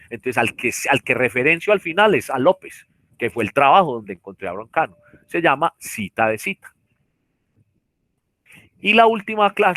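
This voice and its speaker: On a video call picked up by his computer mic, a man lectures a virtual university class, breaking ideas into steps and peppering them with fillers and tag questions. His voice runs a little high with a fairly bright tone and no room sound.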